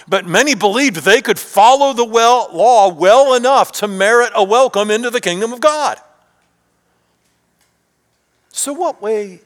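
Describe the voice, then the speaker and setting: A man delivering a sermon in a high, lively voice that climbs and falls, sometimes sinking nearly to a whisper. He speaks in rhetorical questions. His words ring out with a long reverb, as in a large hall. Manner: rhetorical questions, rising and dropping to near whisper. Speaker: preacher.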